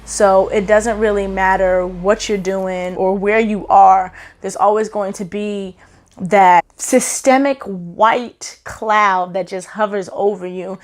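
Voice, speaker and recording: A vlog host talking casually at home, candid and laid-back, swearing freely. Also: medium pitch. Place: home, hot room.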